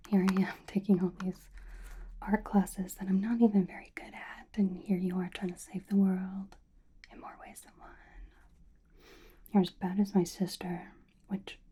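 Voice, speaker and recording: A woman's voice: medium pitch, level tone, moderate pace, dark tone, a little hiss or hum. A woman whispering a roleplay monologue to the listener in a library, teasing and blunt.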